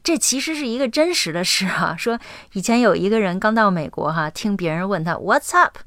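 A woman's voice: mid-range voice, animated, a little fast, a bit bright, no echo, studio quality. A woman from China co-hosting a language-learning podcast, chatting mostly in Chinese and mixing in English phrases. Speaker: podcast co-host. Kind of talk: bilingual language-lesson podcast chat.

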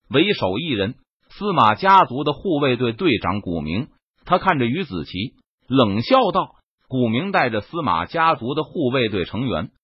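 A man's voice: mid-range voice, slightly rough, dry recording. A man doing dramatic web novel audiobook narration, in a dull, dry recording.

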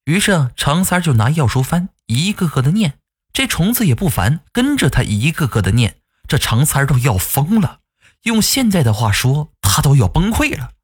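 A man's voice: on the high side, slightly rough. A man narrating a spooky folk tale in a chatty, folksy way, with asides to the listener. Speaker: storyteller.

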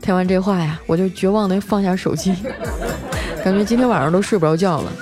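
A young woman tells comic anecdotes in a chatty, casual way, dotted with filler particles. Her pitch sits mid-range. Faint music plays underneath. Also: fast talker, a crowd in the background. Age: young adult. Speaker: comedy storyteller. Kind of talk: comic story narration.

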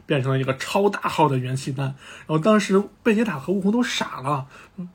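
A man hosts a podcast, retelling a cartoon plot in a loose, chatty way with animated asides. His voice is somewhat high for a man and husky. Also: a little fast. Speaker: podcast host. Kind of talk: casual storytelling chat.

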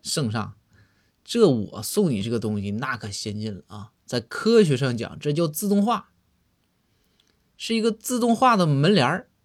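A man voicing a sly, earnest judge who speaks softly and deliberately in a comic story. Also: medium pitch, very animated, no echo, clean studio sound, voice pushed up.

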